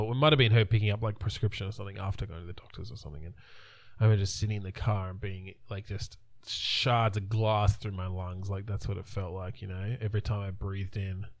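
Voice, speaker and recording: This man in his thirties talks in a fairly low voice, recorded close and dry with no room around him. He wanders through his thoughts in a relaxed podcast chat, often restarting and trailing off. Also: no echo. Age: 30s. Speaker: podcast co-host. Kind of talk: casual chat.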